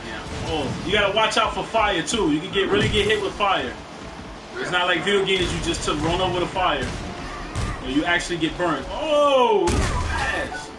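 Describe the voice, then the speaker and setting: A man from New York hosts a stream, chatting casually while he plays a game, his voice fairly high, expressive and at a normal pace. He is loose and rambling, throwing out shout-outs. The sound is roomy, with a distant mic and loud music behind him.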